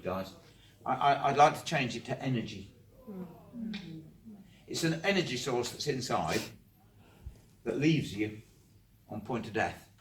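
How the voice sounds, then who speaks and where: A male historian telling ghost stories to a gathered group, lively and animated, doubling back on words as he finds them. His voice is of middling pitch. It sounds roomy and a little distant from the mic. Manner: animated storyteller, repeats words while searching. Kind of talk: storytelling talk to a group. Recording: roomy, from far off.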